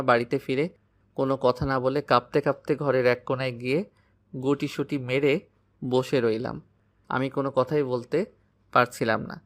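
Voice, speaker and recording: A man's voice: mid-range voice, a bit bright. A man narrating a dramatic first-person audio story, anxious and despairing.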